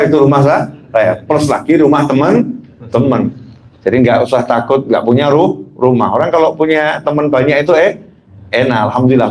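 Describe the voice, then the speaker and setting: A man delivers a loose, storytelling sermon in a middle-pitched voice, cracking jokes and tossing questions at his listeners. A faint background hum sits under his voice. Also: darkish tone, low-quality recording. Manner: chatty, joking, often laughing, asking the audience questions. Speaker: preacher.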